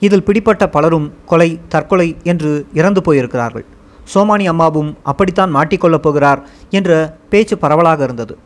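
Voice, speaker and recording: A man narrating a first-person memoir as an audiobook, in a steady, earnest storytelling manner. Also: on the high side, brisk.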